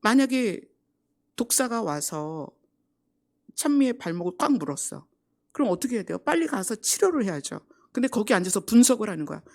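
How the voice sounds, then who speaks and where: Korean woman preaching with lively pitch. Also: fairly quick. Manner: conversational, acts out quoted lines, drops to soft asides. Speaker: pastor. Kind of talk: sermon at a Friday prayer meeting. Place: church sanctuary.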